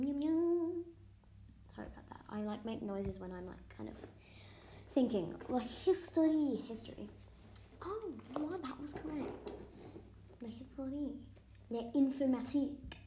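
A woman's voice: fairly high pitch, warm tone, a little hiss or hum. A young woman student chatting casually in a vlog, thinking aloud as she quizzes herself and sometimes dropping into a whisper. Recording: echoey room.

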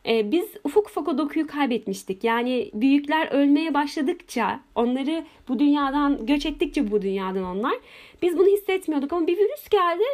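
A woman with a high voice hosts the conversation. She muses thoughtfully and asks questions in a relaxed, chatty way. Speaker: host. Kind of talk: casual conversation.

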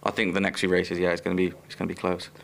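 A man's voice: low voice, monotone, rapid-fire, gravelly, a little hiss or hum. A young Welsh man co-hosting a podcast, casually explaining things in a laid-back way. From Wales. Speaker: podcast co-host.

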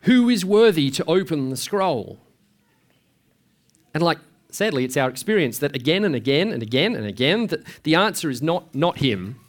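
A man's voice: on the high side, sing-song, normal speed. A man preaching a sermon in a conversational way, asking rhetorical questions and often restarting his sentences. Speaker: pastor.

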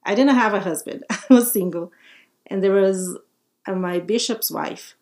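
A woman's voice: mid-range voice, moderate pace, darkish tone. A woman from Brazil, speaking as a podcast guest in friendly, simple phrasing with frequent laughs. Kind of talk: casual interview talk.

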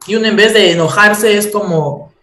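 Chatting casually as a guest, this man with an Ecuadorian Spanish accent laughs through his stories. His high-pitched voice sounds bright and forceful at a normal speed, with a roomy echo around it.

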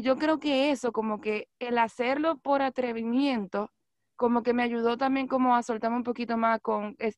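A woman's voice: on the high side, no echo. A woman with a Dominican Spanish accent, a guest on a casual podcast, talking in a loose, chatty way full of fillers. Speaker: podcast guest, news anchor and actress.

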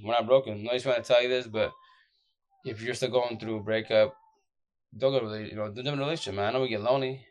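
Deep, groggy, exhausted man talking bluntly. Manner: blunt, repetitive, slangy. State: exhausted, short of sleep. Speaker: social media advice streamer. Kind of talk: casual off-the-cuff relationship advice monologue.

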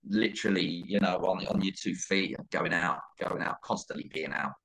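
Man, Essex accent, middle-aged, bright forceful voice, casual interview chat, rambling with repeated phrases. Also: deep voice, moderate pace, vocal fry, rough recording. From Essex, England. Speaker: interview guest, DJ.

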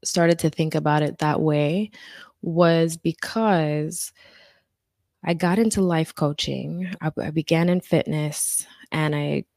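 A woman's voice: deep voice, steady tone, slow, darkish tone, no echo, clean studio sound. A woman life coach telling her story in an earnest, conversational interview. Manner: earnest, faith-centered storytelling.

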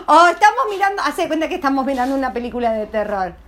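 Woman teacher, high voice, unhurried, plays out every sound for the kids. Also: noisy background. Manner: playful, theatrical, acts out sounds for children. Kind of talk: classroom voice exercise with children.

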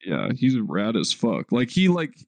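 A laid-back young man co-hosts a podcast in casual conversation, swearing a lot and filling his speech with "like." His medium-pitched voice swoops wildly while keeping a measured pace. The recording is dry.

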